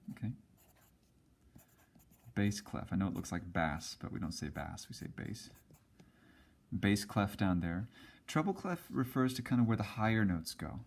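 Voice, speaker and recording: A man's voice: fairly low pitch, a little mellow. A man teaching a casual music lesson, explaining at a whiteboard with frequent ums and restarts.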